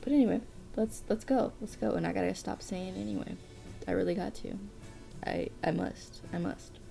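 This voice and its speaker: With faint music in the background, a young woman game streamer chats loosely over her let's play, laughing a lot, starting words over and sniffling from allergies. Her voice is mid-range, creaky and mellow, at a normal speed.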